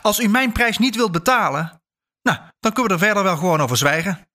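A man reading a story aloud and voicing a sharp, proud old woman who owns a house, curt and shrill when angered. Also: moderate pace.

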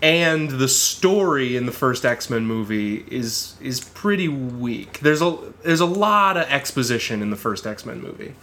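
A man co-hosting a podcast in casual chat, animated and quick to laugh, often restarting his sentences. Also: mid-range voice, slight background noise. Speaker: podcast co-host.

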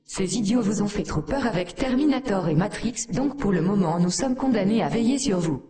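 Faint music plays behind a performer voicing a scornful, sardonic female AI who treats humans with cold disdain, in an echoey space. The voice is mid-range, animated, mellow, at normal speed, and close to how someone talks every day.

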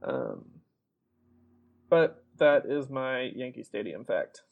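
A man co-hosting a podcast, chatty and quick to laugh, quizzing his co-host with fun facts. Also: mid-range voice, very animated, vocal fry, muffled recording. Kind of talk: casual podcast chat.

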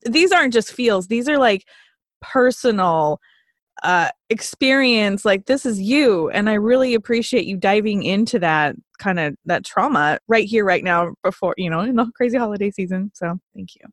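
A woman's voice: medium pitch, expressive, normal speed, no echo, clean studio sound. A woman hosting a casual chat, bubbly and full of fillers like "like" and "uh", often laughing. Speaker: podcast host. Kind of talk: casual conversation.

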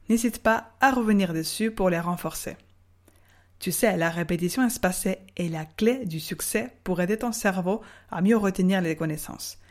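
A woman teaching Spanish on a podcast lesson, speaking slowly and drawing out model words for the listener to repeat. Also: on the low side. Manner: slow, carefully spelled-out model words for repeating.

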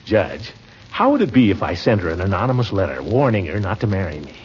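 A man's voice: deep voice, sing-song, quick pace, lo-fi sound. A man playing a pompous, flustered middle-aged bachelor in a 1940s radio comedy, sputtering his protests. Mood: grumbling. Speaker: title character of a radio sitcom. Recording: hissy 1940s radio recording.

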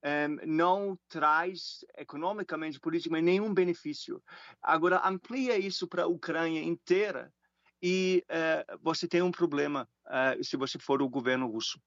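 A German-accented man speaks Portuguese as a second language, giving expert commentary in an interview via Skype; he halts often and repeats words. The pitch is fairly high and the tone fairly bright, with dull audio and no room sound.

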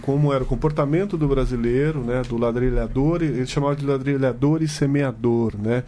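A man's voice: mid-range voice, a little fast, warm tone. A man from Brazil hosting a casual roundtable discussion, reflective and agreeable while arguing his point.

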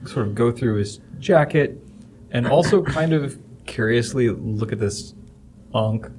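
A man's voice: mid-range voice, a little slow, darkish tone, slight background noise. A man talking through his move at a tabletop game. He thinks aloud and hedges with small fillers. A light wash of room ambience sits behind him. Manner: thoughtful, hedging with fillers. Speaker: player. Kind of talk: tabletop play.

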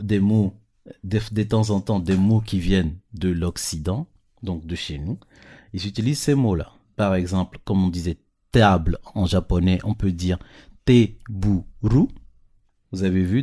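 A man's voice: deep voice, mellow. A man teaching a casual lesson to children on a handheld microphone, explaining patiently and often checking that they follow. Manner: patient, checks understanding with frequent questions.

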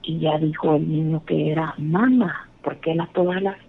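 A woman, calling in and telling her story over a thin, tinny phone line. Her voice is gravelly and husky. She tells it earnestly and rambles, often restarting her sentences. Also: low voice, fairly even intonation, normal speed. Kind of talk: casual storytelling.

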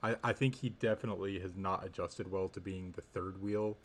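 A man co-hosting a sports podcast, giving casual analysis in halting, thoughtful phrases. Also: low voice, fairly even intonation.

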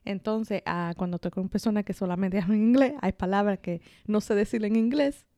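Mellow-voiced woman chatting in Spanglish. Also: mid-range voice, brisk, dry recording, clean studio sound. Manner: Spanish with bits of English mixed in, Spanglish; informal, colloquial with mild swearing. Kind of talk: casual chat.

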